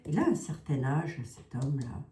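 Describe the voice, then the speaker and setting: A woman's voice: low-pitched, sing-song, moderate pace, mellow, echoey room. A woman with a Lorraine accent doing a casual tarot and oracle reading, asking questions aloud and hedging with "hein". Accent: Lorraine French. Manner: chatty, asks questions aloud, hedges with "hein". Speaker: psychic card reader.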